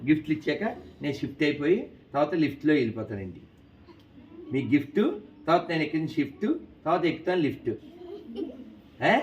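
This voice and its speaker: A man telling a lively moral story to schoolchildren in an animated, coaxing way, quizzing them as he goes. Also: a little high, brisk, pauses often. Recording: distant, dull with faint noise.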